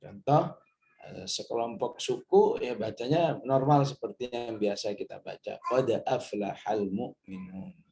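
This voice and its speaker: A middle-aged man from Indonesia teaching a Quran study lesson, explaining patiently, checking in with "ya" and reciting Arabic verses slowly. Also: medium pitch, gravelly, warm tone, slight background noise.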